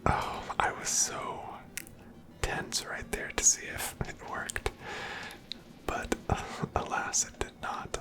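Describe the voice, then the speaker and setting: This is whispered ASMR game commentary: the streamer's voice is breathy and unvoiced, drifting along unhurriedly as they think out loud.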